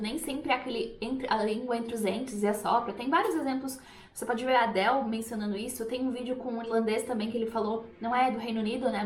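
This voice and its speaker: A woman's voice: fairly high pitch, reverberant. A woman from Brazil, an English teacher, explaining pronunciation in a chatty video lesson and demonstrating example words. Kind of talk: YouTube language lesson.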